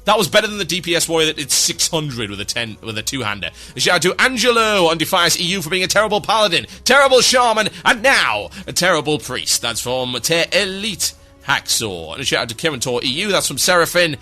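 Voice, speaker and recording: Male radio host, bright voice, dry and sarcastic, reading shout-outs over faint music. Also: fairly high pitch, big pitch swings, fast talker. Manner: dry, sarcastic, mock-grand delivery.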